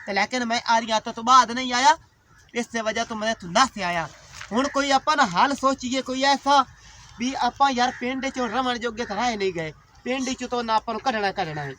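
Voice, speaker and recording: A man plays a loud, laughing villager in a comedy sketch. His voice sits high and sounds bright and forceful. A faint hiss runs underneath. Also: brisk. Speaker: comic actor.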